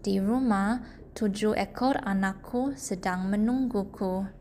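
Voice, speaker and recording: A woman voicing a small mother mouse in a storybook, pleading slowly. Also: mid-range voice, slight background noise, close to an everyday voice. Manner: pleading, slow and soft-spoken.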